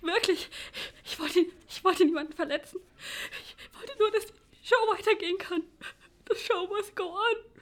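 A woman's voice: extremely high pitch, unhurried, a bit bright. A woman voicing a guilt-ridden young woman who stammers through tearful sobs in an audio drama. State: crying.

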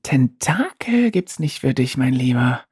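A man voicing a devilish male visitor who teases slowly and slyly. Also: mid-range voice, sing-song, a little mellow, husky, no room sound, studio quality. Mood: sly mockery. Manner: slow, teasing, sly.

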